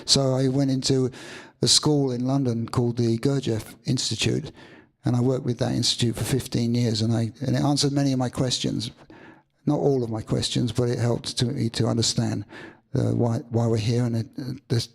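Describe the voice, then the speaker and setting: Male musician guest, gravelly and a bit husky, rambling and reflective, speaking in a live studio session. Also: medium pitch, little pitch movement. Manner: halting, many restarts and fillers. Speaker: musician guest being interviewed. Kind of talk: reflective storytelling answer.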